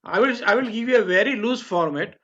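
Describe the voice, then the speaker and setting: An older man organizing a class reunion on a video call, chatty and rambling with fillers and restarts, slightly hoarse. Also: high-pitched, expressive, brisk, bright, forceful tone. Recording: dull lo-fi video call audio.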